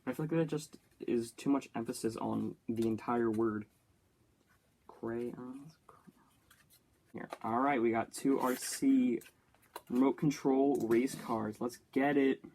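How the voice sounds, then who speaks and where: A young man chatting to himself as a YouTuber, easily excited and joking while he builds and plays. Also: mid-range voice, unhurried, slight background noise. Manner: chatty self-talk, easily excited, jokey. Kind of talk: casual build-and-play commentary.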